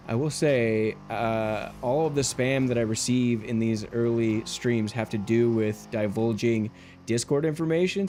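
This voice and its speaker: A laid-back man chats with his stream audience while he plays, in a rambling way full of ums and uhs. His voice sits in a middle pitch and comes through a livestream headset mic with a faint hiss behind it. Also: darkish tone. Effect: livestream headset mic audio. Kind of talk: casual gameplay chat with viewers.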